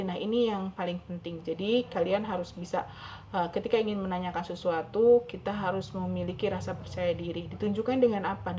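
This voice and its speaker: Lower-voiced woman giving a recorded lecture. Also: a little mellow. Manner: explanatory, many fillers and self-corrections. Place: home. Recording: dull lo-fi recording, faint background noise.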